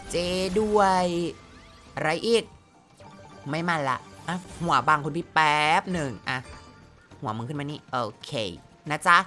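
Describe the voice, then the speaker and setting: A woman's voice: medium pitch, fairly bright tone. A woman streaming a slot game, chatting playfully with her viewers and exclaiming at each spin in casual gameplay commentary.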